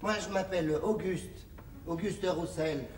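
A man's voice: high voice, fairly even intonation, unhurried. Timid, stammering clerk, lightish male voice. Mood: flustered, timid. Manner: hesitant, stammering, meek, polite. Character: timid, apologetic, persistent male office clerk. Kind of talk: 1960s French film comedy acting. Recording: echoey, noisy old film soundtrack, distant.

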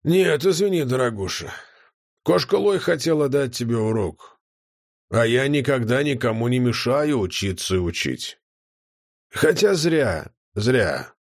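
A drawling, sneering fat guardian spawned by chaos, as a man reading an audiobook puts him on. He teases with a lively, swooping pitch and a theatrical sneer, all smug amusement. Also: a little slow. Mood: mocking. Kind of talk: audiobook character voice.

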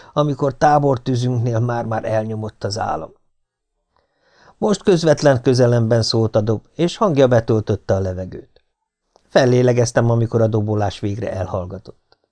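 A man reads an adventure novel told in the first person for an audiobook. His delivery is steady and measured, at a medium pitch.

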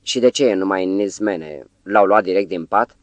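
A man voicing a calm, composed psychiatrist who speaks in a measured way, in an audiobook. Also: low-pitched, dry recording, lightly acted.

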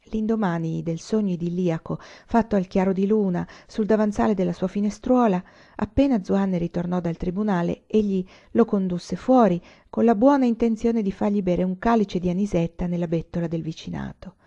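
A woman narrating a literary audiobook in a calm, measured way. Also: mid-range voice, creaky. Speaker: audiobook reader. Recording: slightly muffled recording.

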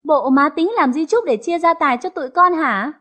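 A woman voicing a shrewd, gentle youngest daughter who speaks calmly and probes. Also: sits high, normal speed. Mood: probing. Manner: calm, probing.

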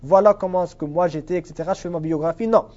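The recording is dull lo-fi, and the speaker's voice sits high, fast and mellow. He teaches a religious class, answering questions earnestly and repetitively while dropping Arabic phrases into his French.

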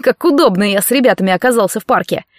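A woman's voice: medium pitch, rapid-fire, no echo, clean studio sound, lightly acted. A woman voicing a brutal, jealous young male football player who growls and sneers. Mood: menacing.

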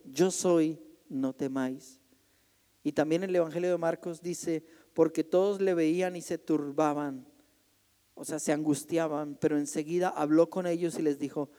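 Male pastor, animated sermon delivery, mellow tone, echoing church hall. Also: a little high. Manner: animated preaching, acts out frightened cries. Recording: long hall reverb.

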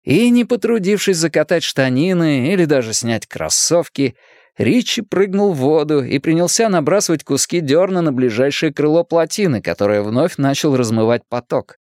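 Expressive male audiobook narrator. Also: on the high side, moderate pace, no room sound, studio quality. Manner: lively, expressive reading. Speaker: audiobook reader. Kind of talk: scripted narration.

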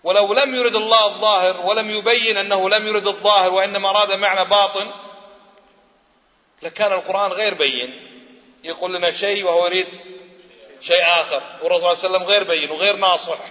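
A preacher lectures in a high, bright voice, pressing the audience with questions and answering them himself. The recording is muffled and carries the long reverb of a lecture hall. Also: male voice, steady tone, fast, pauses often. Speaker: Islamic preacher. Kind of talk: religious lecture.

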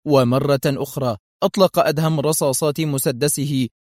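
Man reading an action story aloud, clear measured delivery, dry close-mic sound. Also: a little high, fairly even intonation, darkish tone, no echo. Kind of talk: dramatic audiobook narration.

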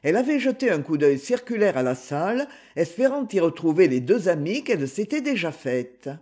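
Husky, expressive male audiobook narrator. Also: fairly high pitch, normal speed. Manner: expressive literary reading. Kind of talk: scripted narration.

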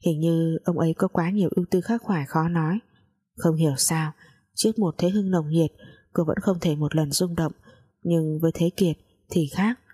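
A woman narrating a scripted story in a calm, measured reading. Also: deep voice, breathy edge.

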